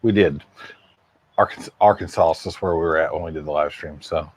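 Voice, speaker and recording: A man's voice: rumbling low, brisk, slight background noise, rough recording. A man co-hosting a casual live stream from his front porch, easygoing and rambling with many fillers. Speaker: co-host of an RV travel channel. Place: outdoors on a home front porch.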